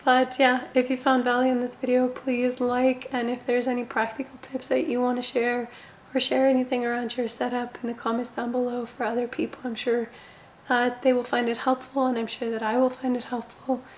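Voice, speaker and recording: A young woman with a slightly hoarse voice, talking casually and relaxed from her bedroom, with plenty of "like" fillers. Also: a little high, fairly quick, a little hiss or hum. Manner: chatty, relaxed, with frequent "like" fillers. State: voice somewhat hoarse. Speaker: parenting vlogger. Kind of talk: casual home tour talk. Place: her bedroom, seated indoors.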